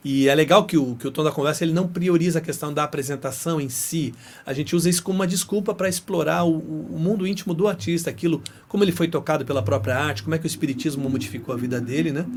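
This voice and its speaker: A middle-aged Brazilian man with a Brazilian Portuguese accent, a guest in an interview who chats and tells stories, often tagging his sentences with "né". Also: on the high side. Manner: chatty, often tags phrases with "né". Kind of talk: casual interview storytelling.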